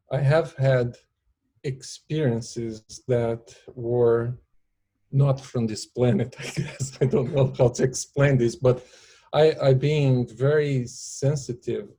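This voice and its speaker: A man from Brazil with a Brazilian Portuguese accent, a podcast guest talking in slow, searching phrases, Portuguese his first language. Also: mid-range voice, warm tone, husky. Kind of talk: podcast interview.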